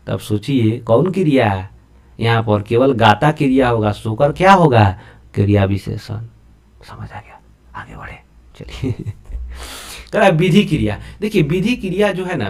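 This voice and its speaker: A man teaching grammar, explaining lively and checking whether students follow. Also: medium pitch. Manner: lively, repeatedly checks understanding with rhetorical questions. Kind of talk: classroom-style lesson explaining to students.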